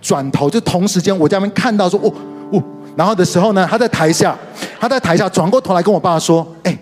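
A middle-aged man with a Taiwanese Mandarin accent preaching a sermon, telling stories animatedly with sudden leaps in pitch. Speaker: pastor and worship leader. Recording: reverberant hall with soft music behind.

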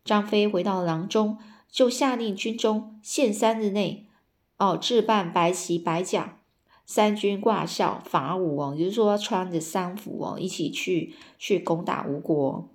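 A woman casually retelling a classic novel, explaining each old line in plain words with many drawn-out particles and restarts. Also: mid-range voice. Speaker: storyteller.

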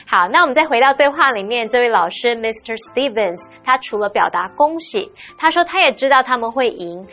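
Higher-voiced woman teacher with music behind. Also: expressive, a little fast, bright, forceful tone. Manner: mixes English vocabulary into Mandarin explanation. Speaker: English teacher explaining a dialogue. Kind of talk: broadcast lesson explanation.

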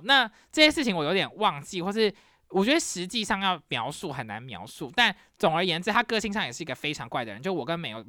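A young Taiwanese woman with a Taiwanese Mandarin accent, hosting a podcast and telling a story in a casual, animated way, acting out scenes dramatically. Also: sits low, no echo, studio quality. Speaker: podcast host.

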